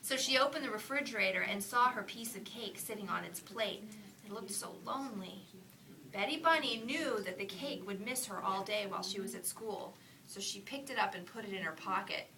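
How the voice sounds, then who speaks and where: A woman reading a children's picture book aloud, putting on lively character voices and dropping into soft whispered asides. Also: mid-range voice, normal speed, gravelly, recorded from a distance, a little hiss or hum. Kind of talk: read-aloud storytelling.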